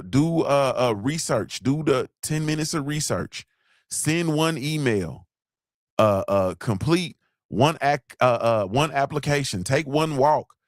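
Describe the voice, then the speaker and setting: A man's voice: medium pitch, dry recording, clean studio sound. Fired-up man preaching motivation. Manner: fired up, preachy, repeats lines for emphasis. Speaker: morning show host. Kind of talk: motivational live-stream talk.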